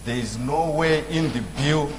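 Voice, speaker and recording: A man's voice: on the high side, a little slow, in a large hall, heavy background noise. A man speaking as a member of parliament in a heated debate. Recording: shouting crowd in a chamber.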